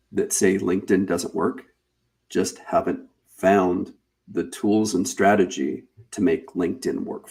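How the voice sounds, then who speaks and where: A man hosting a live webinar, pitching a paid challenge in a casual, chatty way, repeating and restarting phrases as he goes. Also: gravelly, darkish tone. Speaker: webinar host.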